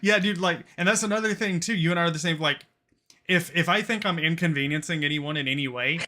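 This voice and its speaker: A man's voice: fairly high pitch, quick pace, sharp tone. A man hosting a casual podcast, rambling with lots of fillers and swearing freely. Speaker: podcast host. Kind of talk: casual chat.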